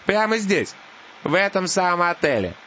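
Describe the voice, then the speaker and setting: A man's voice: sits high, big pitch swings, normal speed, pushed and bright, a little hiss or hum, pitched above the performer's own voice, heavily acted. A man voicing a scheming male lawyer who talks in a sly, coaxing way. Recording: dull lo-fi audiobook.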